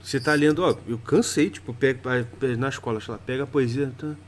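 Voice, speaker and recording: A man's voice: medium pitch, brisk. A man hosting a podcast, chatting casually and acting out little scenes as he tells stories. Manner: animated, acts out little scenes when telling stories. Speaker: podcast host. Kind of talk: casual chat.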